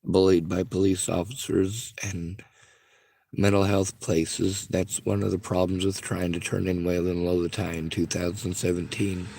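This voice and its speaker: A man with a squeaky, strained voice, calling to make an earnest, aggrieved, pleading complaint in distress. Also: little pitch movement, a little slow, creaky, dark tone, dry recording. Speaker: caller.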